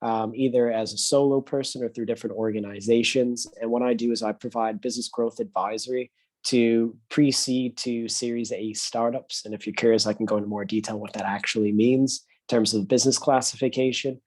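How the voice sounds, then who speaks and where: A man from the United States, a consultant, introducing himself in a relaxed, steady way with many ums. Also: mid-range voice, fairly quick. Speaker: guest consultant. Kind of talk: casual self-introduction.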